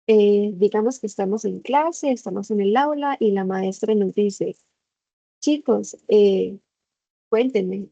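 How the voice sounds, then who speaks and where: A woman's voice: medium pitch, dark tone, dry recording. A woman teacher giving a patient online class from her computer, acting out short examples. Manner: patient explaining, acts out examples. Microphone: computer microphone. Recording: muffled video-call audio.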